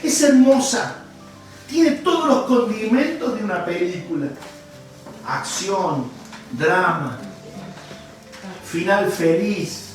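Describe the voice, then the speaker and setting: Male preacher with a Cordoban Argentine accent, animated and joking, distant mic, big echo. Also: high voice, slow pace, long pauses. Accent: Cordoban Argentine Spanish. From Córdoba, Argentina. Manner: animated storyteller, jokes with the congregation, bursts into shouts. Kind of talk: sermon. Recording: echoey hall from a distant mic, faint music.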